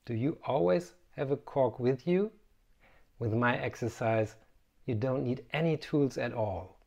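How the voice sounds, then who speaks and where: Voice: mid-range voice, measured pace, gravelly, darkish tone. An articulation coach presenting an instructional video, speaking precisely with playful asides.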